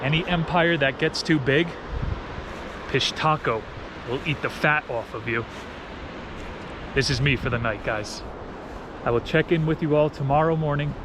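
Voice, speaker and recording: Here a travel vlogger, an American-accented man from New Jersey, United States, talks outdoors at a campsite in a mid-range voice, with background noise. It's casual vlog chatter and storytelling, slangy and playful.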